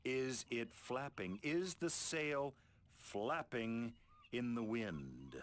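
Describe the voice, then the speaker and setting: An actor playing a sardonic, exasperated merchant sailor in a video game, grumbling and mocking. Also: male voice, medium pitch, animated, extremely slow. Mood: sarcastic. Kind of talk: video game character acting.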